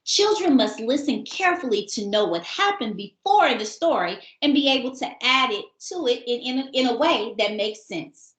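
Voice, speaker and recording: A woman's voice: fairly high pitch, lively intonation, moderate pace, hardly any pauses, a bit bright, roomy sound. A woman hosting a parenting show, giving upbeat, encouraging instructions to parents in a teacherly way. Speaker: host of a parenting show for kindergarten readiness. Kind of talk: scripted instructional talk to parents.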